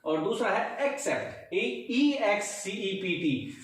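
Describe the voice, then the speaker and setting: A man's voice: sits high, big pitch swings, roomy sound. A man teaching vocabulary in Hindi, spelling words letter by letter and often asking if the class is following. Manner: explains slowly, spells words letter by letter, checks "ठीक है ना?". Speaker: English teacher. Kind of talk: Hindi-English vocabulary lesson.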